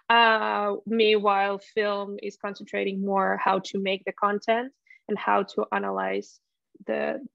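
Young woman from Finland, flat gravelly delivery, hesitant student presenter, dry muffled video-call sound. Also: mid-range voice, no echo. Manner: hesitant, many ums and restarts. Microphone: laptop mic on video call. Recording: dull, lo-fi video call audio.

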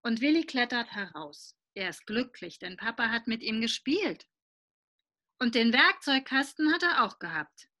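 A woman reading a picture book aloud to children, lively and asking them questions along the way. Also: a little high, measured pace.

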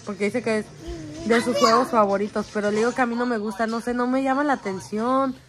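Chatty mom vlogging at home. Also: female voice, a little high, steady tone, brisk. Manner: chatty, teasing, swears casually. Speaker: vlogger and mother. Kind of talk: casual home vlog chat. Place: home bedroom.

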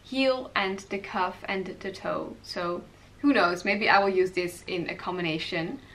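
A woman's voice: lowish voice, measured pace, a bit bright, a little hiss or hum. A woman, hosting a knitting podcast and rambling casually from her apartment with hesitant fillers.

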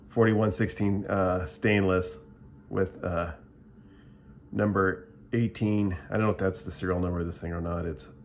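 A low-pitched middle-aged man, with a little hiss or hum in the recording, reviews a product at an indoor table while filming the tabletop. His show-and-tell is casual, rambling and plainspoken, with many restarted sentences.

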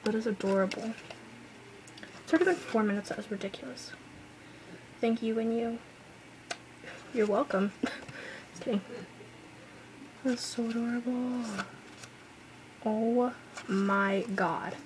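A young woman with a fairly high voice gushes over an unboxing, drawing her words out slowly. She exclaims often and now and then drops to a whisper. Her camera mic picks up a clear hiss of room noise. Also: fairly even intonation. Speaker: vlogger unboxing an album. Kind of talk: excited unboxing chatter.

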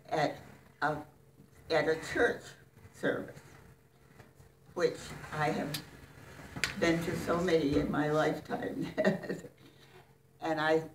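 An older woman, a former French teacher, reminiscing in a halting, wandering way. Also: low voice. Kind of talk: reminiscing talk. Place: church fellowship hall. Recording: distant mic, faint room noise.

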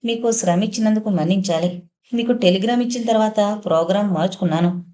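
A woman's voice: medium pitch, fast, dark tone, lightly acted. A woman voicing a polite, poised young woman who apologizes and teases. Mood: apologetic.

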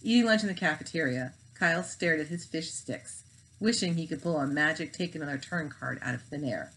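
Brief: woman reader, lowish voice, steady read-aloud storytelling. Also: fairly quick, slight background noise, low-quality recording. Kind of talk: reading a children's novel aloud.

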